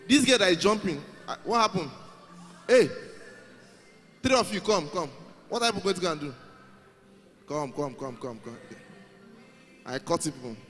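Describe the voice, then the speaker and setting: A man's voice: high-pitched, fairly bright tone. A man hosting a live youth event in a large hall, coaxing and calling out to the crowd. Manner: coaxing, calls out to the crowd, repeats himself.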